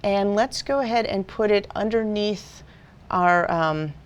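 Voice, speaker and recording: A woman instructor calmly explaining audio editing steps in a screen-recorded software tutorial. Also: medium pitch, a little slow, clear, resonant tone. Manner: patient step-by-step explaining.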